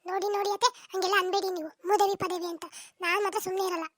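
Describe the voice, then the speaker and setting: A squeaky, rapid-fire young daughter-in-law, played by a woman, quick with comebacks in a cartoon household squabble. The voice sits very high and runs very fast, recorded dry and close. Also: fairly even intonation, a bit bright, no room sound. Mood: retorting. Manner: quick, retorting, argumentative. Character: sharp-tongued young daughter-in-law, defensive. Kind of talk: comic cartoon dub.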